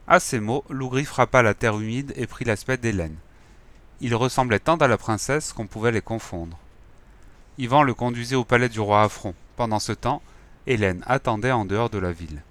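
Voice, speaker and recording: A man narrating a fairy tale in a calm, measured reading voice. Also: mid-range voice.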